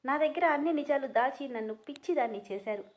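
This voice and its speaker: A heartbroken young woman shouts through tears in a storybook reading, voiced by a woman narrator. Her voice rises high and loud with hurt and fury, and she cries out sharply. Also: animated, fast talker. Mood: angry tearful. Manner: tearful, high-pitched shouting. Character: young woman, distraught and furious at betrayal.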